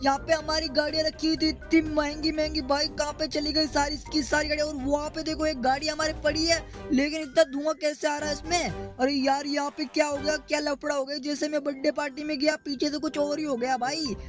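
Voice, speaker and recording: Brief: high-voiced, flat, excited male gaming commentator over loud music. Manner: excited, hurried. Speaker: gaming channel host. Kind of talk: gameplay commentary role-play. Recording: loud background game music.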